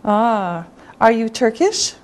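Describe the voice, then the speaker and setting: Woman teacher for beginners, extremely slow and high-voiced, drilling each word with careful enunciation. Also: very animated. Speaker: English teacher. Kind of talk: beginner language lesson.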